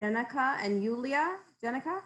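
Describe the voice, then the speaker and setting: A woman's voice: high voice, lively intonation, normal speed, fairly bright tone, low-quality recording. A woman moderating a video call, calling on people by name and chatting casually. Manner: friendly, apologetic, calls names.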